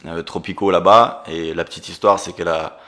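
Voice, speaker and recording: Speaking fairly quickly in a deep, flat voice, this interview guest, an entrepreneur and coach, shares stories in a casual conversation. Originally from Geneva but raised in Brazil, he has Portuguese as his native language, and his delivery is earnest, hesitant, and full of fillers.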